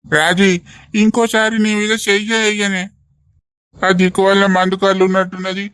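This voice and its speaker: A remorseful old village husband in a cartoon, coaxing and pleading in Telangana Telugu, voiced by a man. His voice sits high, bright and smooth, with little swing in pitch, close and dry. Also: level tone, moderate pace, no echo. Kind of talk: animated comedy voice acting.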